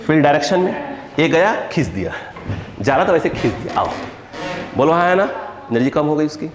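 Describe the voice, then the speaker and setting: A man's voice: fairly high pitch, big pitch swings, a little fast, crowd noise. A male physics teacher lecturing a class, constantly quizzing students and scolding them with a joking edge. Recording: echoey hall, faint background hum.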